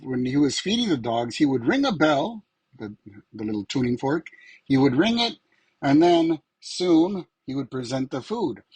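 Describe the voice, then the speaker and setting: A male teacher giving a casual lecture to his students, his voice husky as he is losing it, often asking "right?" to check that they follow. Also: medium pitch, darkish tone, no room sound, low-quality recording. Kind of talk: classroom lecture.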